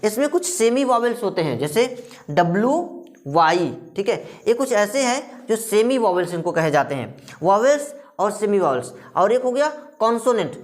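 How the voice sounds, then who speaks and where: Hindi-speaking woman teaching English sounds. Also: mid-range voice. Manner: repeats questions and answers them herself; drills letter sounds slowly. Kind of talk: classroom lesson.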